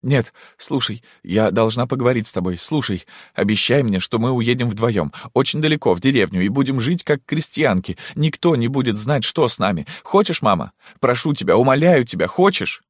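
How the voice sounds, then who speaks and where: A man's voice: fairly low pitch, expressive, moderate pace, no echo, clean studio sound, voice pushed up. A man voicing a tearful young girl who pleads dramatically with her mother, in an audiobook. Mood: pleading.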